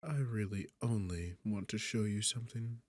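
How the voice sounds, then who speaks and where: An audio roleplay performer with a fairly low, slightly mellow, natural voice plays an arrogant, sarcastic demon king in a seductive fantasy ASMR piece. Speaking at a normal pace, he's smug, teasing, and condescending, by turns mocking and coaxing.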